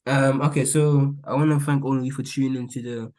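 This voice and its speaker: A man's voice: medium pitch, level tone, a little fast, darkish tone. Hesitant male podcast host. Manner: hesitant, with lots of fillers and restarts. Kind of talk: casual podcast hosting.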